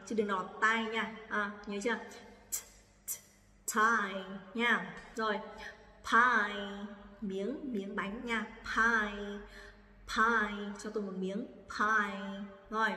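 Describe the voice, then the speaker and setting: A woman with a Vietnamese accent drills English sounds at a careful, unhurried pace. Her voice is bright and clear. She sounds distant from the mic in a roomy, echoing space. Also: mid-range voice. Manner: repeats words slowly, checks with students. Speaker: English teacher. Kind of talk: phonics lesson, slow drilled pronunciation. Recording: echoey room, distant from the mic.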